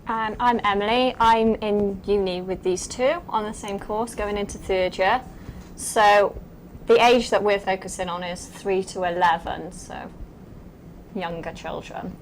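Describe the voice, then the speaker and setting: A woman's voice: mid-range voice, fairly even intonation, a little slow, a little hiss or hum, low-quality recording. A young woman with a Welsh accent, casually introducing herself as a student guest in an interview. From Mid Wales.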